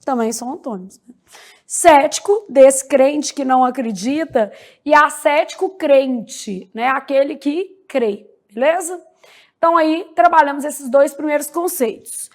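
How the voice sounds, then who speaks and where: Slow high-voiced woman teaching. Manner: slow, spells out words syllable by syllable, frequent "né?" and "beleza?". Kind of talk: grammar lecture.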